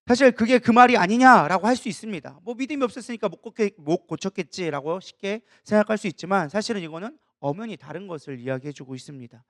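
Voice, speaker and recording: Fast-talking male preacher, dry sound. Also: high-pitched, creaky, no echo. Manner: lively preaching with rhetorical questions. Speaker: pastor. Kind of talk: sermon.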